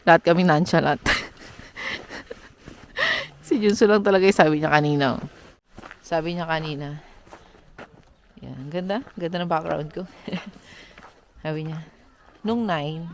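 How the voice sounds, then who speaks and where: A woman's voice: fairly low pitch, measured pace, pauses often, a little hiss or hum. A woman in her thirties from the Philippines, a mom and vlogger chatting casually and telling stories with lots of laughter. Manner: chatty, animated storyteller who laughs often. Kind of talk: casual storytelling vlog.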